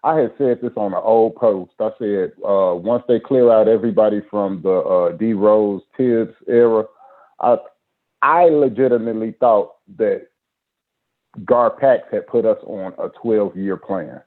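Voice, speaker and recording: Lower-pitched man over voice chat. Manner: earnest, halting, with many restarts. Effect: heard over a group voice chat line. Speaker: guest in a group chat. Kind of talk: casual chat. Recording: tinny phone-like voice chat audio.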